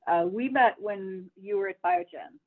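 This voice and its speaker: A woman's voice: medium pitch, unhurried. A woman co-hosting a podcast interview, asking questions in a conversational, rambling way. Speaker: podcast co-host. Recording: phone-like line.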